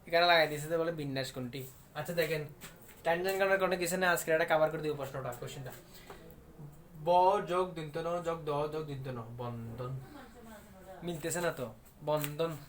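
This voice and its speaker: A man with a somewhat high voice teaches an exam-prep lesson online. He talks emphatically, repeats his points and keeps asking viewers if they understand. Faint noise sits under the recording. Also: fairly bright tone. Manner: emphatic, repetitive, coaxing questions to viewers.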